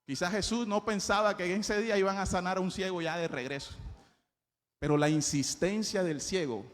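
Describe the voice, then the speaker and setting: A man preaching a sermon as pastor, impassioned, swinging from loud shouted cries to quiet low passages. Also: moderate pace, in a large hall.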